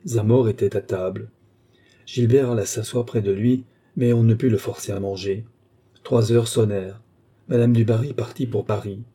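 A man narrating a literary audiobook in a measured, even reading. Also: fairly low pitch, breathy edge.

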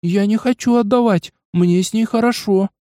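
A man's voice: high-pitched, normal speed, dark tone, no echo, clean studio sound, pitched above the performer's own voice, close to an everyday voice. A man voicing a young undead pet girl who is coy, childish and capricious. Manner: childish, wheedling coquettish lilt.

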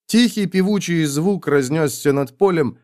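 A man reading a fantasy audiobook aloud, voicing all the characters himself and shouting their battle orders. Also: a little high, a little slow. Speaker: audiobook narrator.

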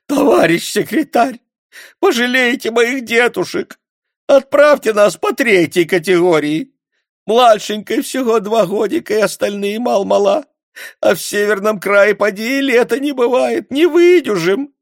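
A woman's voice: fairly high pitch, measured pace, no room sound, studio quality, voice pushed up. A man reading an audiobook voices a desperate peasant woman, wailing and pleading in rustic speech. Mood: tearful pleading.

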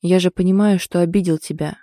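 A remorseful young man, as a woman reads him in an audiobook, soft and apologetic. The voice is mellow and warm. The sound is dry and close, with no room around it. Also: fairly low pitch, steady tone, fairly quick, dry recording, close to an everyday voice.

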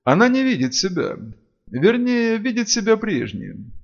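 Casting: earnest elf temple keeper, soft pleading tone, high animated voice, read by a man. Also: unhurried, lo-fi sound, full character voice. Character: gentle solemn elf woman, temple keeper.

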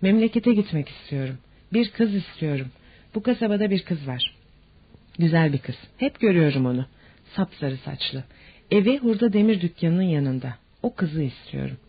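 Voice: medium pitch, lively intonation, moderate pace, husky. A reader voicing a nervous, homesick young male army lieutenant who talks in a strained, emotional way. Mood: despairing. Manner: strained and emotional, rising to angry shouts. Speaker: fictional character. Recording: dull lo-fi audiobook recording.

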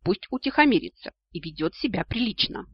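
A man voicing a bold young dragon woman who answers with sharp, sarcastic quips, on a dull lo-fi recording. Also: high voice, very animated, brisk, breathy edge, dry recording, exaggerated voice. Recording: dull lo-fi audio.

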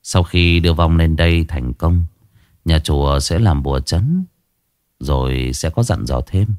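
A man voicing a calm elderly Buddhist monk who gives unhurried, gentle instructions. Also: very deep voice, no echo, clean studio sound, pitched below the performer's own voice.

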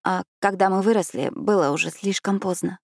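A woman's voice: medium pitch, brisk, gravelly, dry recording, clean studio sound. A woman voicing a timid, guilt-ridden young woman who pleads and apologizes in an audiobook. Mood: pleading. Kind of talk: audiobook character voice.

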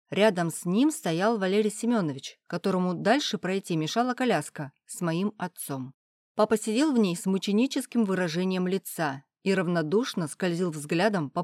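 Low-voiced woman reading an audiobook. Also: darkish tone, no echo, clean studio sound. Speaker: audiobook narrator. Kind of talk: first-person audiobook narration.

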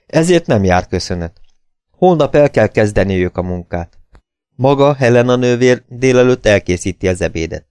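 A man's voice: mid-range voice, lively intonation, a little mellow, clean tone, dry recording, studio quality, pitched above the performer's own voice, close to an everyday voice. A man voicing a stern, curt male plantation manager who speaks in a cold, businesslike way.

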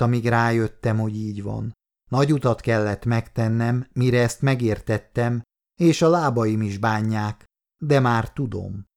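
A man voicing a kind, weary old man in a wheelchair in an audiobook, speaking calmly and gently. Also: fairly low pitch, gravelly.

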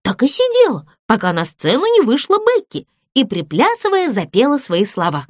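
A woman narrating a children's audiobook, expressive and animated. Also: sits high, normal speed, dry recording, clean studio sound.

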